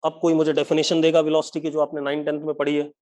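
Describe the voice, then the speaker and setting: A male physics teacher giving an online live class, mixing English terms into his Hindi and dictating definitions slowly while checking whether the students follow. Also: a little high, completely flat delivery, a little mellow.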